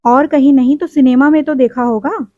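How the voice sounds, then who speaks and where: A woman's voice: sits high, steady tone, moderate pace, no echo, natural voice. Woman doing a stern old mother-in-law. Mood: scolding. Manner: scolding, commanding. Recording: dull lo-fi recording.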